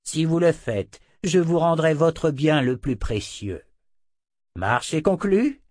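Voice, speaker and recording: A man reading a French audiobook, voicing a sly, theatrical male wizard who speaks slowly and deliberately with mock sincerity. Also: on the high side, animated, darkish tone, dry recording, studio quality, voice pushed up. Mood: slow, smug.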